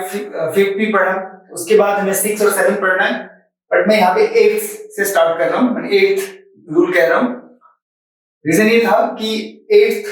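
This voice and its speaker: A man explains grammar rules in a patient lesson, repeating example words and spelling them out. His voice sits fairly high for a man. He is recorded from a distance in a strongly echoing room. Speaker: English grammar teacher.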